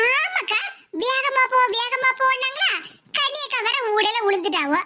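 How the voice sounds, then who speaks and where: A woman's voice: very high-pitched, expressive, measured pace, background noise. A woman voicing a chatty, playful young daughter-in-law with a Kanyakumari Tamil accent, in a cartoon.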